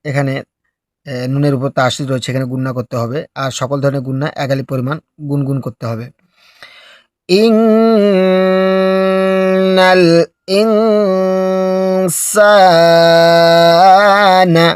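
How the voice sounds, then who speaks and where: A man teaching recitation step by step, explaining slowly and patiently before drawing out each phrase in a melodic chant. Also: medium pitch, flat delivery, dry recording, studio quality.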